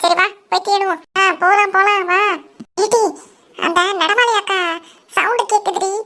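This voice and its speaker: A woman's voice: very high voice, fairly even intonation, moderate pace, fairly bright tone. Woman doing giggly scheming cartoon pranksters. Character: mischievous young pranksters scaring a woman.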